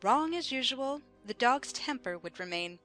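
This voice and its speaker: A woman's voice: high voice, animated, moderate pace, a bit bright. A woman playing a bossy, pedantic queen who contradicts like a schoolmistress in an audiobook drama. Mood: scolding, smug. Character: bossy, pedantic Red Queen, an imperious chess-piece monarch. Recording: music behind the voice.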